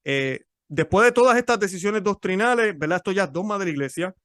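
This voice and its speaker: Higher-voiced man teaching, dry sound. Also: animated, a little fast, a bit bright, no room sound. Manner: explanatory, repeats words. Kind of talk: teaching talk.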